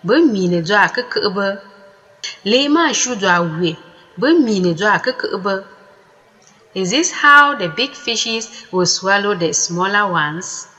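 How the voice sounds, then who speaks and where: A woman teaching a language lesson, saying each word slowly and deliberately and repeating it twice before explaining it. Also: medium pitch, expressive, sharp tone, lo-fi sound. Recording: echoey room with long reverb.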